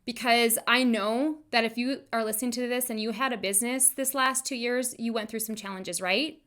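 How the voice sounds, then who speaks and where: This woman's voice sits a little high, with a steady, fairly bright tone at normal speed. She's a chiropractor and wellness coach hosting a solo motivational podcast, talking informally and emphatically right to her listeners and repeating phrases for emphasis.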